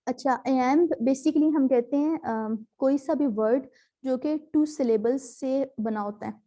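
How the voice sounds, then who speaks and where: Over a video call, a woman teaches an online class step by step, her high voice slow and warm. She explains patiently, mixes in English terms, and uses lots of fillers.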